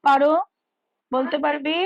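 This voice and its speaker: A woman's voice: high voice, level tone, unhurried, vocal fry, no room sound, dull audio. A woman tutoring math over a call on headphones at home, explaining step by step and checking whether her student understands.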